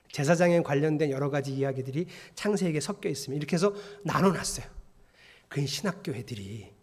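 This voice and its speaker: A man preaching in a church, his voice pitched high and carried by a long, ringing reverb. He talks to the congregation in a conversational way, asking them questions and slipping into the voices of the people he quotes. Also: darkish tone. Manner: acts out quoted voices of students and readers. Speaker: pastor. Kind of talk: sermon. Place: church sanctuary.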